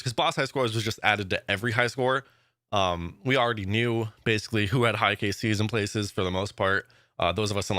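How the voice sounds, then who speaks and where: A man giving a casual vlog update as a gaming YouTuber, excited and rambling with lots of fillers. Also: lowish voice, no room sound, studio quality.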